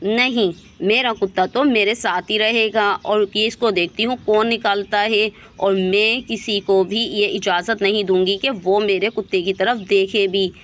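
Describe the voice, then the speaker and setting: A woman's voice: medium pitch, steady tone, measured pace, hardly any pauses, fairly bright tone, natural voice. Woman voicing Gori, a stubborn dog-loving woman. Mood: defiant. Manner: defiant, insistent.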